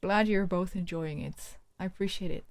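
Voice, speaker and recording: A woman's voice: on the low side, moderate pace, a little hiss or hum. A woman streamer from the Netherlands with a Dutch accent, chatting casually and thinking aloud while playing. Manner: relaxed, chatty, thinking aloud with many fillers. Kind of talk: casual game stream chat and reading aloud.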